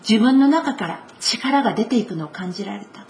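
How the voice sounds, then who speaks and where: A woman preaching a conversational sermon with a Kansai accent, voicing quoted lines with shifts in pitch. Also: animated, fairly quick, darkish tone, a little hiss or hum. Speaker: pastor.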